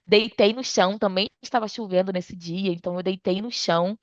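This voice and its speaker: A woman's voice: fairly quick, dry recording. Woman telling a story. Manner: animated retelling, acts out dialogue with her mother. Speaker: guest storyteller. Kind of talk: casual storytelling. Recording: dull dry low-fidelity sound.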